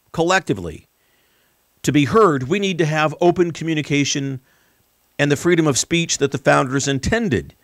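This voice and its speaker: Emphatic American male political host, animated pitch. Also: no echo, studio quality. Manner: emphatic, rhetorical, deliberate pauses and repetition. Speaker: political talk show host. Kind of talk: political monologue to listeners.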